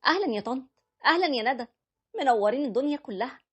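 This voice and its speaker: A gentle young bride, as a woman reader puts her on speaks in a soft, polite storybook voice, a little higher than the narration. Her words come fast, with a husky edge. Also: animated. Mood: gracious.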